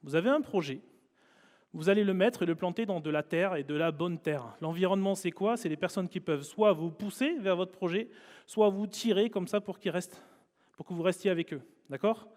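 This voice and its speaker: A man giving a humorous motivational talk at a live event, telling lively stories with jokes and asides. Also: high voice, fairly quick, long reverb tail. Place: event hall before an audience.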